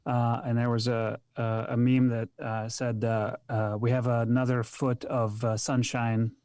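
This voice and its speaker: A man from Egypt talks as a podcast guest over a video call. His voice sounds dry and close, with little room around it. He speaks thoughtfully and hesitantly, filling pauses with ums. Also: medium pitch, flat delivery, a little mellow, clear, resonant tone, dry recording. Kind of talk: casual interview chat.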